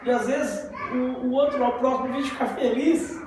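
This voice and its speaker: A man's voice: extremely high pitch, steady tone, a little fast. A man with a Brazilian Portuguese accent teaching a casual Bible study, chatty and joking, asking his listeners rhetorical questions. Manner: conversational, tells jokes, asks rhetorical questions. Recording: very echoey room, mic far off, noisy background.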